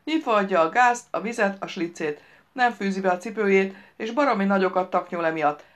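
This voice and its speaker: A woman reading an audiobook, voicing a loud, bossy middle-aged daughter who scolds and rambles over the phone. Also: mid-range voice, close to an everyday voice. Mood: shrill scolding.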